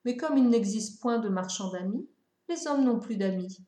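A woman voicing a patient, wistful fox who explains things calmly and reflectively. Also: medium pitch, normal speed, echoey room, natural voice.

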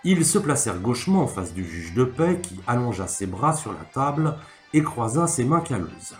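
A man reads a classic tale aloud, measured and expressive, his pitch rising and falling freely. The voice sits in an echoey room, with faint instrumental music beneath it. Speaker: narrator. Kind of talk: literary reading.

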